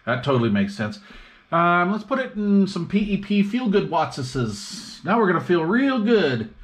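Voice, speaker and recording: A high-pitched, very animated man speaks a little slowly while showing off gear at his indoor radio workbench. The hobbyist repair vlogger is casual and slangy, talking to himself, in a recording with clearly audible noise and clicks.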